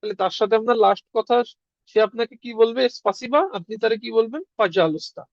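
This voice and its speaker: Man, high voice, patient teacher on a dull lo-fi line, dry sound. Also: dry recording. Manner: explains step by step, repeats words slowly. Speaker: language teacher. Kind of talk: online class lesson.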